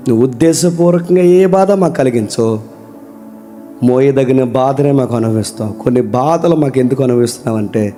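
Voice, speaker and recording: A man preaching a sermon, asking rhetorical questions and calling on his listeners to answer, moving between loud emphatic lines and quiet low ones. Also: brisk, faint music behind. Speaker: pastor.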